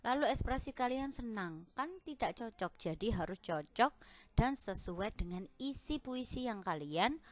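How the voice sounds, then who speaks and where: A woman's voice: on the high side, expressive, a little slow. A young woman, a primary school teacher, patiently explaining a lesson to children in an online class.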